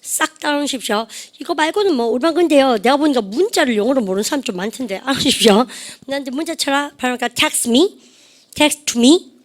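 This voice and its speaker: A woman teaching English in a classroom who drills phrases and has students repeat them. She says her model sentences slowly and draws them out. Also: sits high, lively intonation. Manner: slow, drawn-out model sentences. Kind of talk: classroom lecture.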